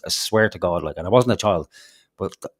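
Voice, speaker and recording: Here a man co-hosts a podcast, spinning loose, wandering anecdotes with plenty of fillers, restarts and swearing. He speaks fairly quickly in a low-pitched voice, recorded in a studio with no echo.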